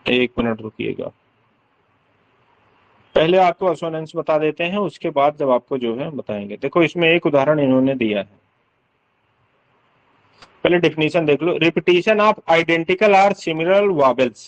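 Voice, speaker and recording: A man with a somewhat high voice gives an exam-prep lesson on English literature. He explains step by step, says sounds aloud over and over, and keeps checking that his students follow. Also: expressive, measured pace, long pauses, low-quality recording.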